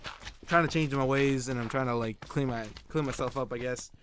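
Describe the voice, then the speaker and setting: A man's voice: medium pitch, normal speed, fairly bright tone, a little hiss or hum. A man who makes gaming videos, telling a funny childhood story in a casual, rambling way, full of "like" and swearing, and laughing at his own punchlines. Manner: rambling, with lots of "like" and profanity. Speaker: gaming YouTuber.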